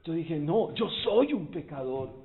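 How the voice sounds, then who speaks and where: A man preaching an expository sermon as pastor, rising to loud exclamations. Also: on the high side, big pitch swings, unhurried. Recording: tinny phone-like recording.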